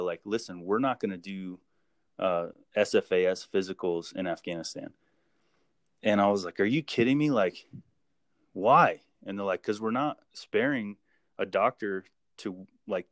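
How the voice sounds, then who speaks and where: A man with a fairly low voice, recorded close and dry, tells old army stories. He talks in a loose, profane, easygoing way and acts out every exchange with his sergeants. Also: no room sound. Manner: lively anecdote-telling, acting out quoted dialogue; relaxed and profane, with frequent fillers. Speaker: guest; army veteran. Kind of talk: casual spoken storytelling.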